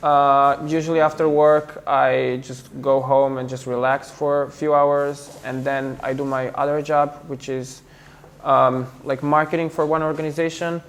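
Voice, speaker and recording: A man's voice: on the high side, flat delivery, a little slow. Hesitant young man with a Serbian accent. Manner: hesitant, many fillers and restarts. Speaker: interviewee. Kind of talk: casual interview talk.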